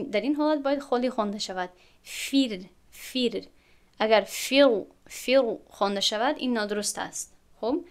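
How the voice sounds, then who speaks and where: A woman with a Tajik accent teaches a Quran recitation lesson in a fairly high voice. She explains the rules step by step, poses questions to her students, and stretches out each example word as she recites it. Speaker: tajwid teacher.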